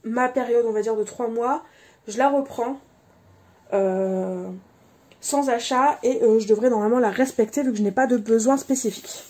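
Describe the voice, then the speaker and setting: A woman hosting her crafts channel, chatting casually through a haul of supplies, halting often with fillers and restarts. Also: a little high, dark tone. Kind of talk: casual product haul chat.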